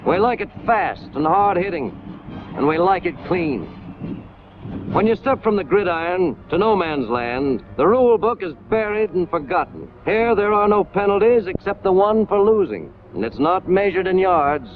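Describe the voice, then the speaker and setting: An American man from the United States narrates a scripted 1940s military training film, emphatic and hard-hitting in clipped phrases. His voice sits high with lively intonation at a moderate pace, heard through a scratchy, tinny 1940s soundtrack with loud noise.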